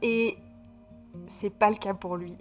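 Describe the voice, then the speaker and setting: A woman's voice: mid-range voice, slow pace. A woman from France talks through her recent reads in a loose, casual vlog voice. She trips over her words and restarts often, filling gaps with little hesitations, and gets emphatic whenever she describes how a book made her feel. Faint music plays underneath. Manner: stumbling, restarts often, many fillers; expressive, emphatic about feelings. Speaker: book vlogger. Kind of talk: casual book review chat.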